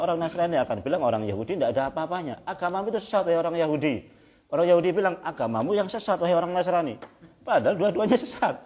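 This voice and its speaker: A man preaching a Quran exegesis lecture in a conversational way, often checking with his listeners and chanting verses slowly. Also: fairly high pitch, darkish tone, breathy edge. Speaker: Islamic preacher. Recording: hall with long reverb.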